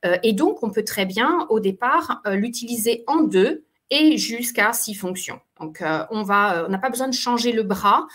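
A woman's voice: a little high, lively intonation, moderate pace, few pauses, fairly bright tone. A woman presenting in an online webinar, explaining step by step with frequent fillers and restarts. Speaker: occupational therapist presenter. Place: webinar call.

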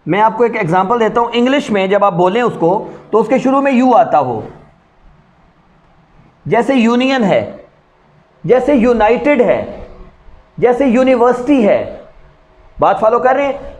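High-voiced male teacher. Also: a little mellow. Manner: explains step by step and quizzes students with questions. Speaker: English teacher. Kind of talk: spoken English grammar lecture. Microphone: recording a lesson video.

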